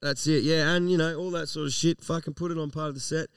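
A man's voice: fairly high pitch, steady tone, fast, smooth, dry recording, studio quality, far from the mic. An Australian man co-hosting a casual live podcast, talking in slangy, laid-back language with plenty of swearing. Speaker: podcast co-host.

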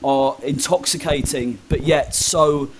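There's slight background noise as a young man with a high-sided, fairly even voice takes his time recounting personal stories. As a guest in an interview, he's candid yet hesitant, often saying um and starting over.

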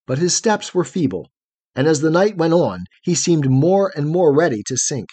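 A man reads a fairy tale aloud in an expressive, measured way, his slightly high voice rising and falling widely. His tone is husky rather than clear, and the recording is dry, close and free of room echo. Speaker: audiobook narrator. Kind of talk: storybook narration.

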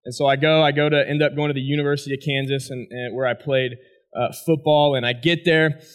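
A man, a former college athlete, giving a personal testimony speech and telling his story with animated energy to an audience. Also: medium pitch, fast. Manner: animated storytelling, asks the crowd "right?".

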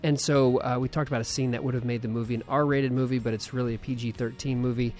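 A man's voice: mid-range voice, steady tone, fast talker, darkish tone, faint music behind. A man hosting a podcast, chatting casually and rambling with many fillers. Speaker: podcast host.

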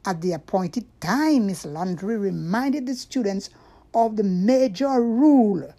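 A woman narrating a scripted story for children, with deliberate, expressive delivery. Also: medium pitch.

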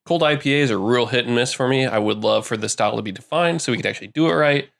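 A man's voice: medium pitch, fast, creaky, a bit bright. A man co-hosting a casual podcast, a brewer who talks in a laid-back way and thinks aloud with rambling restarts.

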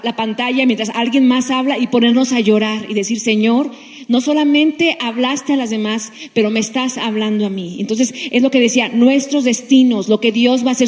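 Woman pastor, earnest, slightly high, long reverb. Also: a little mellow. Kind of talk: casual faith sharing.

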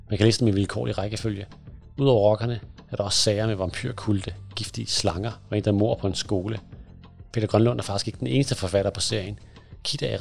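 A man hosting a podcast, reading a crime book aloud and then reviewing it in calm, steady storytelling. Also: fairly low pitch, vocal fry.

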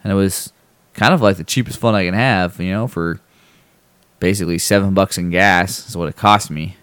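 A man with a low voice talks through a story in a loose, rambling way, full of fillers and restarts. He throws himself into the other people's lines as he tells it. The sound is dry, with no room around it. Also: normal speed, fairly bright tone, smooth, no room sound. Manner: acts out people's lines in a raised voice when telling stories. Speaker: podcast host. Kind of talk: casual chat, storytelling.

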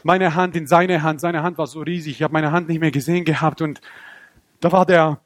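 Young man, animated sermon testimony, high-pitched, dry recording. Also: a little fast, dry recording. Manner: animated storytelling, acts out scenes, voice climbs when excited. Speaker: preacher.

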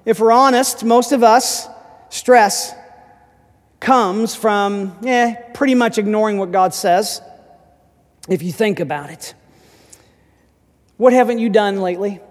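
Man, pastor, animated sermon, very high pitch, reverberant church hall. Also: slow pace, long pauses. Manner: animated preaching, rising to shouts.

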